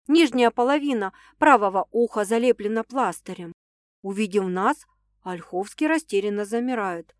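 A woman's voice: on the high side, no room sound, studio quality. Woman narrating an audiobook dramatically. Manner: expressive dramatic reading. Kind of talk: first-person audiobook narration.

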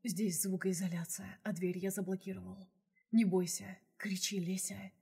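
A woman voicing a confident male boss and lover, speaking in a husky, hushed whisper in an audiobook. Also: mid-range voice, level tone, normal speed. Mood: urging. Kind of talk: audiobook role reading.

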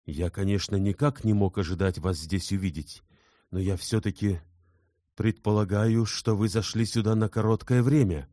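An anxious young gentleman speaks with earnest urgency, trying to calm and reassure, as a male reader voices him. His voice sits fairly low and a little raised. The sound is close and dry. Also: moderate pace, no echo, close to an everyday voice. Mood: urgent.

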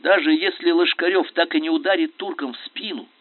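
A man's voice: fairly high pitch, fairly quick, no room sound. Man narrating a dramatic history. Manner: dramatic, expressive. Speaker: audiobook narrator. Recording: tinny phone-like radio sound.

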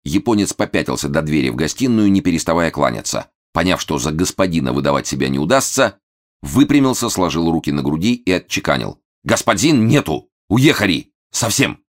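A man narrating a novel with a very low, deep voice that still moves freely up and down. His reading is expressive and lively, shaping each sentence like storytelling. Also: fast talker. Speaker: audiobook narrator. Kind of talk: scripted narration.

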